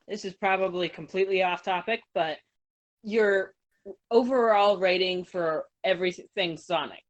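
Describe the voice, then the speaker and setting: A woman's voice: fairly low pitch, low-quality recording. A woman guest chatting casually, asking questions somewhat hesitantly. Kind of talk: casual podcast chat.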